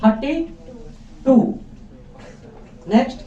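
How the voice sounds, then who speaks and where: A man with a slow, mellow voice quizzes his students in an indoor classroom and firmly repeats each of their answers back. The recording sounds echoey, distant and dull.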